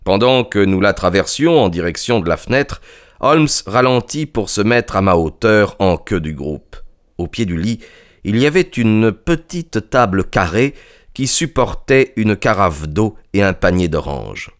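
A man reading a classic mystery aloud in measured, steady narration. His voice sits fairly low, and the pacing is calm and even. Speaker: audiobook reader. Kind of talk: literary audiobook narration.

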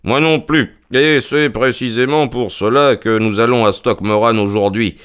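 A cool, ironic detective with a smooth, clear voice, reasoning aloud without ever losing his composure, as a man reads him. His tone stays dry and faintly mocking in this storybook drama. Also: medium pitch, fairly even intonation, moderate pace, fairly bright tone, close to an everyday voice. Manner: unruffled, dryly ironic. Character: sharp, calm, ironic male detective. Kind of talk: dramatized audiobook reading.

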